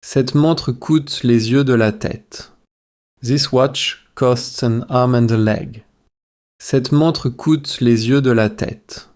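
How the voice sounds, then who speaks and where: A man with a darkish, mid-range voice reads language drills as a teacher. Each phrase comes measured and repeated, set up for shadowing.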